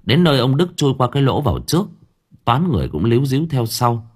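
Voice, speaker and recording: A man narrating an audiobook story in a lively, expressive way. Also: medium pitch, fast talker, husky.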